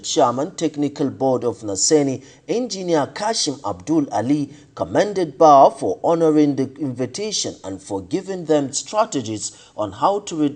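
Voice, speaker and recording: A man with a Nigerian English accent voices a news report over footage. His pitch rises and falls a lot as he reads, and his voice has a slightly husky edge. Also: darkish tone. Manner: measured formal delivery.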